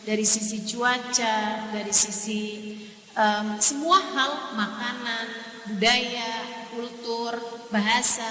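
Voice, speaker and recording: A woman's voice: a little high, steady tone, slow, pushed and bright. A woman from Indonesia preaching in a casual storytelling way, addressing her listeners directly and animatedly. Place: mosque hall. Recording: echoey hall, distant mic, faint hiss.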